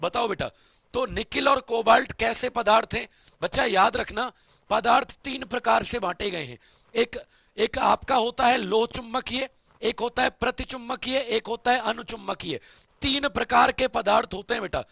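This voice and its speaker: Casting: male tutor, high raspy voice that cracks at speed, dry close sound, keeps quizzing his students. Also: pushed and bright, dry recording. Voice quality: voice cracks when speaking fast. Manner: repetitive quizzing, calls students "beta" and "babu". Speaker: science teacher. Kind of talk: online exam-prep lecture.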